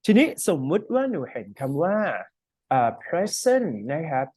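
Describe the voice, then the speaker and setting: Man tutoring English, animated pitch, mellow tone, dry sound, casual one-on-one lesson. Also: a little slow, no echo. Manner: explains with many fillers and checks.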